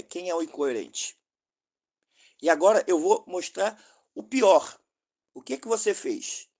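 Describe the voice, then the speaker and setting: Man, Brazilian Portuguese accent, slightly raised pitch, combative, direct rebuttal. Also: a little mellow. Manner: combative, direct, addresses opponent. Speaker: host. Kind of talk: apologetic rebuttal monologue.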